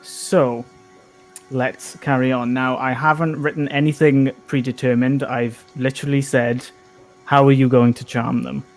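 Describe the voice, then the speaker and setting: A man with a medium-pitched voice acts as game master. He narrates casually, improvising as he goes, with stops and restarts. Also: level tone, faint music behind, rough recording. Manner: halting, improvised storytelling.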